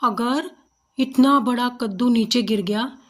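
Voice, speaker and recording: A woman voicing a soft-hearted mother-in-law in a folk tale who fusses in rapid, repeated questions. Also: a little high. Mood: tearful.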